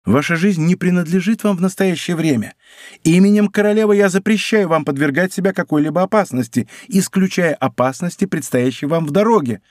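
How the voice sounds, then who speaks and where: A male audiobook reader voicing a tender, fearful young woman in a hushed, worried tone. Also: high voice, a little fast, no echo, clean studio sound, voice pushed up, lightly acted. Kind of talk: audiobook character reading.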